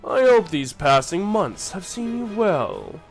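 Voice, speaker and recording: A man voicing a calculating middle-aged imperial chancellor who speaks in a measured, formal way. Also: high-pitched, huge pitch swings, vocal fry, soft background music, heavily acted, poor audio. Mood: smooth formal.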